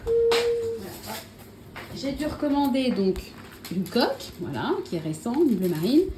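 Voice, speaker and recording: A woman's voice: a little high, very animated, normal speed, noisy background. A woman chatting casually to camera as a vlogger, showing her purchases at home, full of fillers and self-corrections.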